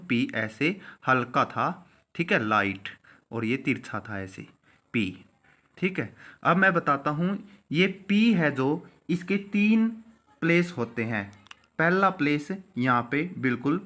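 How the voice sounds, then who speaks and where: A man teaching a shorthand class, slowly repeating each step and checking in with the students. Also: on the high side, bright, forceful tone. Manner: slow, repeats each step aloud, often says "theek hai". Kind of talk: classroom lesson.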